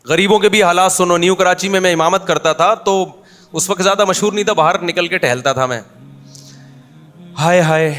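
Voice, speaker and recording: A man's voice: a little high, fairly bright tone. A middle-aged man, a preacher telling homely anecdotes in a chatty, humorous way and addressing his listeners directly. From Pakistan. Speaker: Islamic preacher. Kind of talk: informal religious talk with anecdotes.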